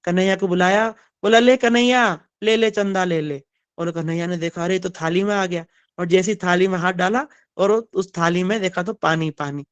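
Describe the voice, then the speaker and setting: A man telling devotional stories in a sermon, animated, turning to ask his listeners. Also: high voice, fairly quick, clear, resonant tone, no echo. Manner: animated storytelling, asks the audience. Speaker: spiritual storyteller.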